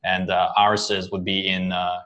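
Bright-voiced man speaking halting English. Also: sits low, completely flat delivery. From born in Lithuania, raised in Israel. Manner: halting, searching for words. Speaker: interview guest. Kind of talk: casual interview conversation.

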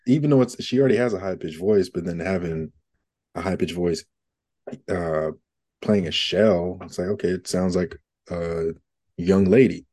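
A man co-hosting a podcast, talking about a film in a relaxed, chatty way and saying "like" often. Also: low voice, dry recording, clean studio sound. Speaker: podcast co-host. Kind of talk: casual film discussion.

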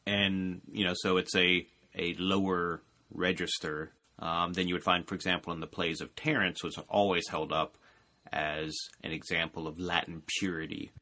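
A man, a classics scholar, explaining ancient comedy in a conversational interview, his phrases trailing off quietly at the ends. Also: low voice, little pitch movement, moderate pace.

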